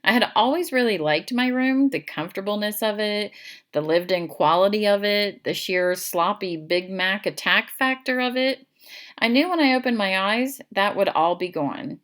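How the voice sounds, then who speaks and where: A woman reading a first-person children's audiobook in an expressive, playful storytelling manner. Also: medium pitch, moderate pace. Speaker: audiobook narrator.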